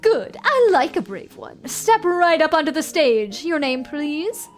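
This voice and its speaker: A woman acts out a flamboyant male clown ringmaster from a video game. The voice is pitched up and theatrical, announcing everything with a showman's grand flourish. Faint music plays behind. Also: big pitch swings, unhurried. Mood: commanding, showy. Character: flamboyant male circus clown ringmaster, showy knife-thrower. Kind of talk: video game read-aloud voice acting.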